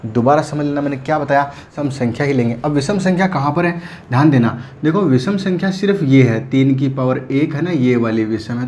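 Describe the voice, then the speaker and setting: In this classroom lecture, a male math teacher works at the board, posing his own questions and answering them, often saying "ध्यान देना" so students will pay attention. He speaks in a mid-range, slightly mellow voice, with a faint hiss or hum behind him.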